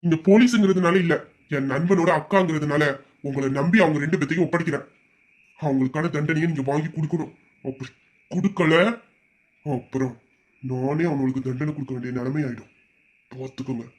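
A man voicing a grim young man who agrees slowly and gravely, with a quiet warning. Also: fairly high pitch, close to an everyday voice. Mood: grim resolve. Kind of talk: Tamil audio drama acting.

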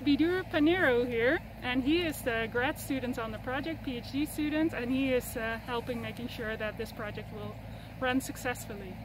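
A woman, a university researcher, clearly explaining a farm project outdoors. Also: fairly high pitch, moderate pace, noisy background.

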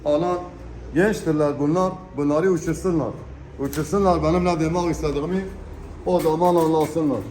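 Male auctioneer, slightly high voice, unscripted and emphatic showcase pitch with repeated phrases, recorded in an echoey room. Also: steady tone, brisk, darkish tone. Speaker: pigeon auction presenter. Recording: echoey room with background noise. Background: birds, pigeons.

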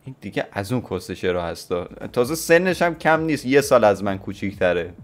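A man's voice: fairly low pitch, big pitch swings. A man in his twenties from Iran giving blunt, opinionated reaction commentary with crude slang. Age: 20s. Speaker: YouTuber reacting to a clip.

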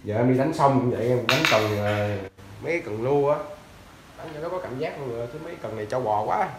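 Young man, casual seller pitch, loose and chatty, mid pitch, recorded on a phone in an echoey tiled room. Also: expressive, fast talker, very noisy. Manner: loose and chatty, fumbling for brand names, often calling out to viewers. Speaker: seller of used fishing gear. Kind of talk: casual sales talk to camera. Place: tiled indoor floor of a house, sitting down.

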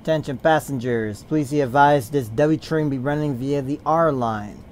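A man's voice: mid-range voice, normal speed, a little hiss or hum. A man announcing stops and transfers over a subway train's PA system, with a repetitive, slightly stumbling conductor delivery.

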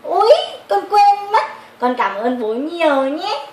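A high, childlike bear cub acted by a woman for a children's puppet tale. The little boy is sweet, bashful and excitable. The sound is roomy, with clear background noise. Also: measured pace. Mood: delighted. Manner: childlike, exclamatory.

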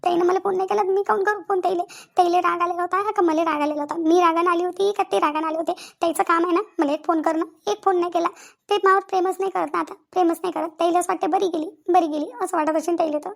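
Give me a woman playing a stubborn young wife, fast and high-pitched. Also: fairly even intonation, gravelly. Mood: aggrieved. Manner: complaining, repeats herself. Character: sulky stubborn young wife at her mother's. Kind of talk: cartoon voice acting.

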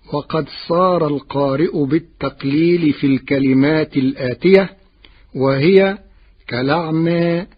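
Slow husky man on old radio. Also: a little high. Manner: slow, measured, deliberate delivery. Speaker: radio Quran recitation teacher. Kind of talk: formal broadcast explanation of recitation variants. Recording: dull archival radio broadcast.

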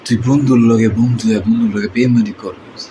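A man's voice: mid-range voice, fairly even intonation, warm tone, natural voice. Man acting a menacing Bangladeshi movie villain, noisy recording. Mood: cold threats. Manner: movie villain, threatening, swaggering drawn-out taunts. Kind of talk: film villain dialogue mimicry.

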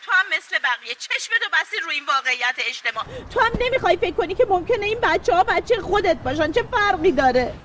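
A tearful, self-righteous protester. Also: female voice, very high voice, big pitch swings, hardly any pauses, fairly bright tone, slight background noise, full character voice. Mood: indignant. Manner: dramatic, self-righteous, emotional. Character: impassioned middle-aged woman, tearful protester. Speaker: activist sister-in-law on a sit-in. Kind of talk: TV comedy series acting.

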